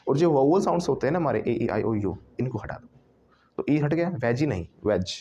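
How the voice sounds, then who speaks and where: A man's voice: mid-range voice, expressive, fairly quick, dark tone, dull audio, slight background noise. A man teaching an English lesson to a class in Hindi mixed with English. He asks questions and has the students repeat words after him. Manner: drills the class with questions and repetition.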